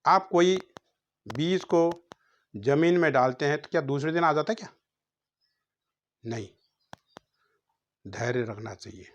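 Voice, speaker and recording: A man's voice: fairly high pitch, expressive, measured pace, long pauses, highs cut off, slight background noise. A man teaching a grammar lesson, sounding out letters one at a time and asking questions he then answers himself.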